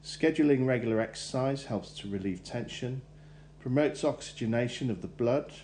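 A man reading a measured, instructive careers advice segment for a podcast. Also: medium pitch, darkish tone, slight background noise. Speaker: careers adviser.

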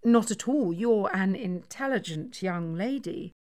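A woman's voice: mid-range voice, lively intonation, a little slow, a little mellow, close to an everyday voice. A woman doing a nervous young male tutor. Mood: anxious earnest.

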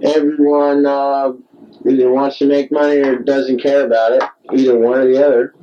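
Man, muffled dictaphone tape sound, mellow tone. Digressive, self-mocking late-night monologue, circling back on itself. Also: mid-range voice, level tone, moderate pace, a little hiss or hum. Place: speaking alone into a tape recorder. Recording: dull home tape recorder.

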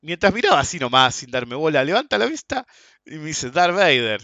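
Blunt Argentine man, bright dry lo-fi voice. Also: a little high, sing-song, a little fast, vocal fry, no room sound. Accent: Argentine Spanish. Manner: blunt and crude, tags sentences with "ok?" and "viste?". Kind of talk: casual ranting monologue. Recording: dull, lo-fi and dry.

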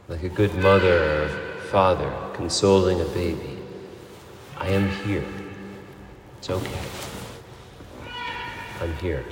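A man preaching a sermon as a priest, earnest and emphatic, often dropping to a soft, quiet voice. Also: on the low side, reverberant, long reverb tail, a little hiss or hum. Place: church.

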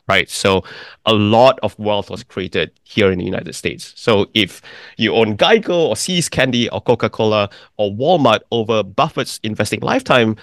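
A middle-aged man from Malaysia, a firm founder explaining his ideas in a deliberate, measured interview. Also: on the low side, fairly bright tone, no room sound, clean studio sound. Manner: deliberate, explanatory, lists points in sequence. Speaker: investment firm founder, guest.

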